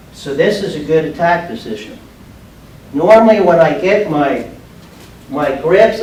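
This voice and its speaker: An older man, in his sixties or so, giving an instructional martial arts demonstration in short, plain, step-by-step phrases. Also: on the high side. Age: older, about 60s. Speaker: judo instructor. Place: large bare padded indoor training room. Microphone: distant camera microphone. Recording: echoey room, far microphone, background noise.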